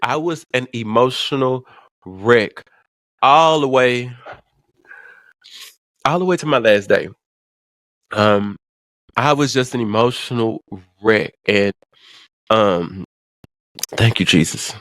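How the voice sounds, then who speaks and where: Man vlogger, emotional personal story, near tears, halting delivery with repeated words, plain mid pitch, dry close sound. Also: fairly bright tone, no echo.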